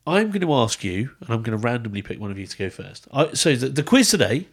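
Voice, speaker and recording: A man's voice: mid-range voice, very animated, fast, breathy edge. A young man hosting a gaming podcast and running its quiz, bantering and chuckling with his co-hosts. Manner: bantering, chuckles between lines. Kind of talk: casual chat.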